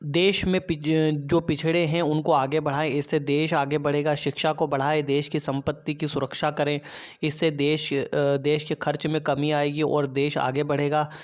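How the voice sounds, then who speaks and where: A man's voice: on the high side, flat delivery, moderate pace. A man teaching an online class, working step by step through textbook questions with fillers and restarts. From India.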